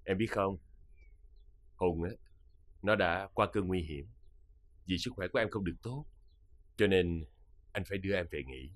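An actor playing a worried middle-aged father who tries to calm his wife in a TV drama. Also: lowish voice, fairly quick, long pauses, husky, no echo, full character voice. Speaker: husband and father. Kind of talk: TV drama acting.

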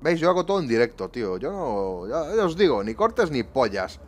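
At home, a man streams himself driving a bus in a game, talking to viewers in an exasperated way and swearing plenty as he grumbles. He speaks at medium pitch and a moderate pace with big swings in pitch.

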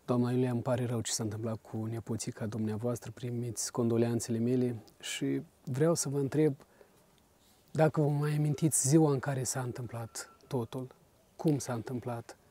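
A man's voice: mid-range voice, fairly even intonation, mellow. A male interviewer asking questions in a formal, polite manner.

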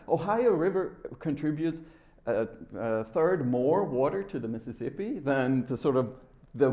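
This middle-aged Swedish man has a medium-pitched, dark-toned voice. He's a software developer speaking at a tech conference, chatting informally to listeners seated in a large lecture room.

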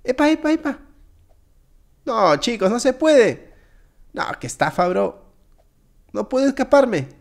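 A man giving jokey, excitable gameplay commentary straight to his viewers. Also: high-pitched, unhurried, gravelly, pauses often. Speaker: gaming video creator.

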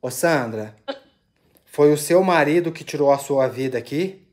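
A man hosting a ghost-hunting vlog from inside an abandoned house, asking questions aloud and dropping into hushed, awed murmurs between them. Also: on the high side, a little slow. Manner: anxious, awed. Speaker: paranormal investigator host.

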